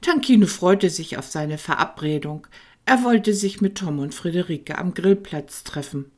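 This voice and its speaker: A woman narrating a children's audiobook in a gentle storytelling manner. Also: on the low side, unhurried.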